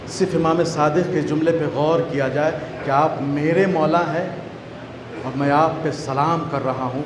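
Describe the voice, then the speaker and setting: High-voiced man preaching in an echoey hall. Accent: Indian Urdu. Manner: shouting rhythmic repetition, half-sung refrains. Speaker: majlis orator. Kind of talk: Shia majlis sermon. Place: mourning gathering hall. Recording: echoey hall with crowd and noise.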